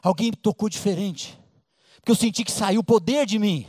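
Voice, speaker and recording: Brazilian pastor, high-pitched, dry close sound, lively colloquial storytelling sermon. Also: male voice, brisk, no room sound. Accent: Brazilian Portuguese. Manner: colloquial, animated storytelling with acted-out voices.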